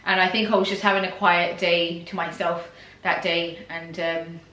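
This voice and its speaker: A woman's voice: lowish voice, little pitch movement, moderate pace, fairly bright tone, roomy sound, rough recording. A young woman chatting casually to camera in a pregnancy vlog, rambling with fillers and small laughs. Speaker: pregnancy vlogger.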